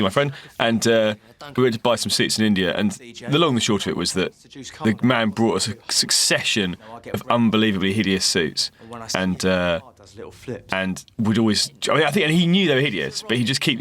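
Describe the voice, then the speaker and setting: A man's voice: lowish voice, animated, a little fast, a bit bright. An English man co-writing a sitcom, chatting casually through an audio commentary and telling anecdotes with a self-deprecating humour. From England. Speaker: co-writer giving audio commentary.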